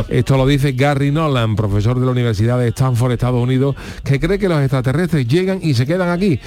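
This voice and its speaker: A man's voice: mid-range voice, a little mellow, slight background noise. A man hosting a radio comedy show, delivering humorous monologue and banter in a mock-serious, wry way.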